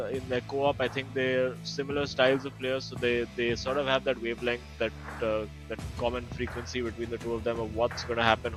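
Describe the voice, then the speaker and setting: A man's voice: mid-range voice, poor audio. Esports co-commentator, male, rambling analytical chat over faint music. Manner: chatty, many fillers and restarts.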